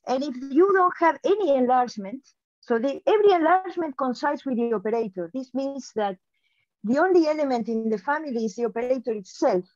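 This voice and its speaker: A middle-aged woman who is a mathematician and keynote speaker answers a question on a video call, explaining in an academic way and often restarting her phrases. Her voice is high, animated and brisk, and the recording is dry, with dull, lo-fi call audio.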